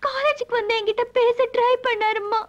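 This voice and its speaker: A woman's voice: very high-pitched, fairly even intonation, normal speed, muffled recording, noisy background. An actress playing a distressed young college woman who speaks through her crying in film drama dialogue. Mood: tearful. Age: young adult. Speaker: college student character.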